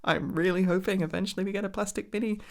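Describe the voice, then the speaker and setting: A woman's voice: mid-range voice, steady tone, quick pace, a little mellow. A woman rambling casually in an ASMR chat, enthusiastic and sweary, with hesitant, meandering delivery. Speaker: hobby ASMR content creator.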